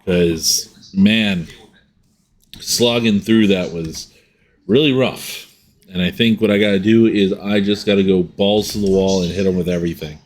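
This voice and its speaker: A man's voice: low voice, a little slow. A man streaming a video game live, chatting casually and greeting viewers by name in a laid-back way. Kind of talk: casual live-stream chat while gaming.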